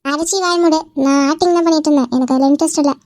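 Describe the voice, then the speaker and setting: A woman's voice: high-pitched, steady tone, very fast, a little mellow, no echo, natural voice. A woman voicing a blunt, sassy young woman in an amateur cartoon.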